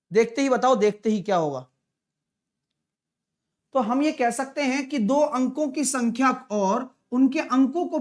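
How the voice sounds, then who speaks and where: A man teaching a live online maths class for exam prep, chatty and coaxing, constantly quizzing his students with quick questions. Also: extremely high pitch.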